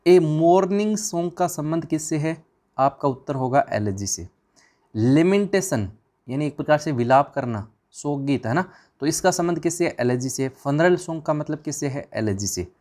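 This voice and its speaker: A man's voice: fairly high pitch, expressive, moderate pace, darkish tone. A man teaching an exam revision class, firing questions at the students and answering them himself in a chatty, informal way.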